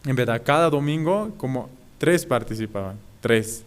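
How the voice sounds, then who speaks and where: Halting evangelist man, smooth voice. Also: mid-range voice, lively intonation. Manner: halting, repeats phrases, asks listeners "¿cierto?". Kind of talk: sermon at an online prayer service.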